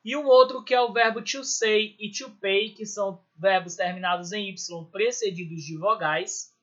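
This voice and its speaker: High, bright-voiced Brazilian teacher. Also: male voice, moderate pace, lo-fi sound. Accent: Brazilian Portuguese. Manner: explains step by step, checking in with "certo?" and "beleza?". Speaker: English teacher. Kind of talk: recorded school lesson.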